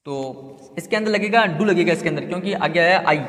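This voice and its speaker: In an echoey room with long reverb, a high-voiced man teaches grammar step by step, repeating terms and posing questions to himself. His delivery is brisk and a bit bright.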